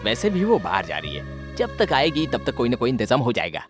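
An actor playing a flustered, excitable older uncle who hesitates and repeats himself in a dubbed film drama. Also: male voice, mid-range voice, a little fast. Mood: reassuring. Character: flustered, excitable older uncle, eager to smooth things over. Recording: film dub with music behind.

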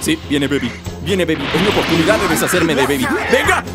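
A young man giving animated gameplay commentary, talking to his viewers and shouting and laughing as he fights. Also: fairly high pitch, fast talker. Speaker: gaming YouTuber. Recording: loud game music behind the voice.

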